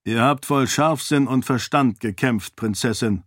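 A man voicing a stern, cunning male warrior priest with a slight foreign accent, speaking calmly and condescendingly. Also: mid-range voice, no room sound, clean studio sound. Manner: calm, measured, condescending.

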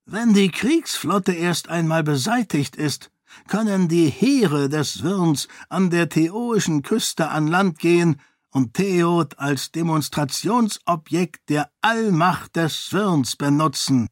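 A man's voice: on the high side, animated, slow, no room sound, clean studio sound, pitched above the performer's own voice. A man voicing a cold, menacing male monk leader in an audiobook, with a raised, sneering delivery. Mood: threatening. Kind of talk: audiobook character voice.

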